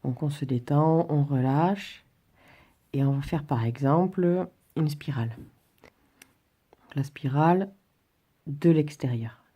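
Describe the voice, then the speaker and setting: A woman's voice: low-pitched, takes it slowly, pauses often, mellow, breathy edge. A woman instructor giving an informal drawing and relaxation tutorial, demonstrating as she talks in a hesitant, stop-and-start way. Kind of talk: informal spoken tutorial, demonstrating while talking.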